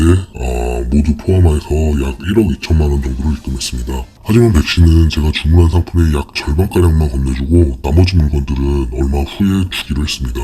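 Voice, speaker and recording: An anonymous interviewee whose voice is disguised with a deep pitch-shift effect, reading a formal, measured account with frequent hesitant fillers. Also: warm tone, breathy edge. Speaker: anonymous fraud victim interviewee.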